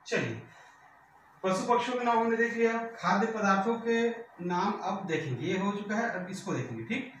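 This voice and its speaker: A man with a high voice runs a vocabulary lesson for exam students. He repeats every term after a quick rhetorical question and checks whether the class has understood. He sounds distant from the mic, in a very echoey room with faint background noise. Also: expressive, a bit bright. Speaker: teacher.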